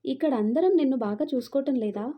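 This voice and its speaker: A woman's voice: high voice, fast, muffled recording. A woman reading the part of an affectionate young man who fusses over his cousin. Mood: caring. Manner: affectionate, concerned. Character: gentle caring young man, protective cousin.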